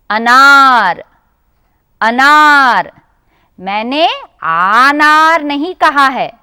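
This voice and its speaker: A woman teacher with an Indian Hindi accent giving a televised lesson to children, drawing out each sound slowly and asking them questions. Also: sits high, pushed and bright, dry recording, clean studio sound. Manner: slow, drawn-out pronunciation, addressing children directly. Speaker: primary school teacher.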